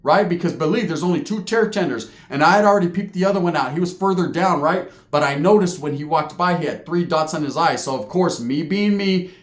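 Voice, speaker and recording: A man's voice: on the high side, fairly quick, hardly any pauses, reverberant. A man telling a story about his time in prison, streetwise and profane, full of slang and asides. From California. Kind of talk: casual storytelling.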